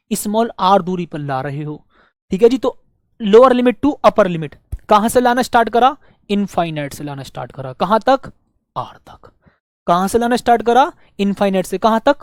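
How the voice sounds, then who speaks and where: A male teacher leads a physics class, repeating each phrase slowly so students can take notes. He poses questions and answers them himself, and coaxes his listeners as dear friends. The voice is dry and close, with no room sound. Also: sits high, no room sound. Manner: warm coaxing address to students as dear friends. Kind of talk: physics lesson with dictated notes.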